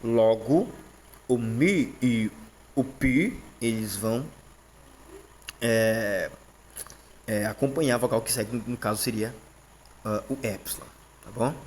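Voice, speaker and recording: A man with a Brazilian Portuguese accent walks through a lesson in a casual, patient way. He keeps checking in with his listeners and repeats each term as he goes. His voice sits at an ordinary middle pitch, with a faint hiss of noise behind it. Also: slow, long pauses, a little mellow. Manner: frequent fillers and "tá?" checks, repeats terms. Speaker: teacher.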